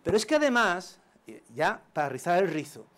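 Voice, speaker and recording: A middle-aged male schoolteacher giving a conference talk, animated and full of joking examples. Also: sits high, brisk. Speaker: primary school teacher. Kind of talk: conference presentation.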